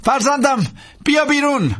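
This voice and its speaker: Man doing a wounded priest, slow, solemn, raised pitch. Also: sing-song, a bit bright, heavily acted. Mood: commanding. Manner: slow, solemn, drawn-out delivery.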